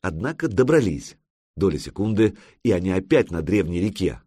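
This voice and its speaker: Low, husky male audiobook narrator. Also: moderate pace, no echo, clean studio sound. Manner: expressive storytelling with lively intonation.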